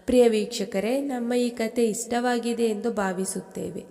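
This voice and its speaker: A woman narrating a romantic story in a slow, deliberate reading style. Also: a little high, steady tone, long reverb tail, noisy background. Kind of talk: scripted narration.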